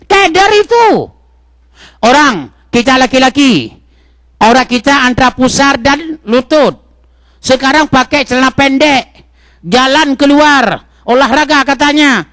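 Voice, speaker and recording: A man preaches in a mosque with a very high voice. His delivery is animated, jumping between raised exhortation and quiet asides, and he keeps asking the listeners questions. The sound is dry and close, with little room echo. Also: measured pace. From Indonesia. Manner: animated, swings from loud exhortation to soft asides; talks straight to the congregation with questions. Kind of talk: sermon.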